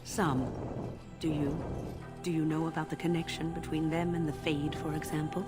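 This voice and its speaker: An actress playing a wise female mage in a video game, explaining lore in a measured, solemn way. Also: deep voice, level tone, natural voice. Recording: game audio with loud music behind.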